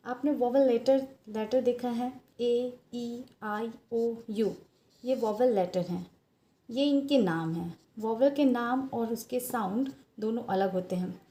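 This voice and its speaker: Indian woman English teacher, higher voice, unhurried phonics explainer. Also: warm tone. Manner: slow, patient explaining, spelling out letters. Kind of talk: phonics lesson for students.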